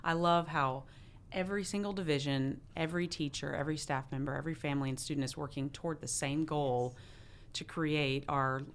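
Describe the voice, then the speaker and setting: Low gravelly-voiced woman choir teacher. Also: fairly even intonation, brisk, a little hiss or hum. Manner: earnest and heartfelt. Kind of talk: interview conversation.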